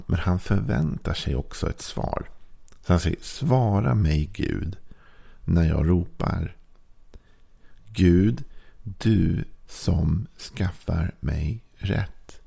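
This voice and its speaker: Male pastor, very deep gravelly voice, dark tone, calm reflective devotional delivery with scripture readings. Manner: calm, reflective, with frequent fillers.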